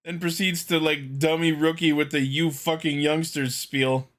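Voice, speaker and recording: A man with a fairly high-pitched voice that comes across bright and forceful. He talks like a fan on a podcast, recapping a show in casual, animated, profane chat. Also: moderate pace. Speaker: podcast co-host.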